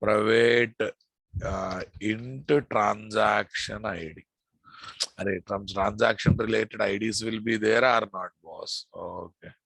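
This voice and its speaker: Male programming teacher, Telugu Indian accent, gravelly edge, deliberate pace, repeats key phrases for the class. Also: lowish voice, steady tone, fairly bright tone, no echo, poor audio. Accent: Indian, Telugu-influenced. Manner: repeats phrases, frequent check-in questions. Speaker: programming instructor. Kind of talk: live coding lesson, addressing students.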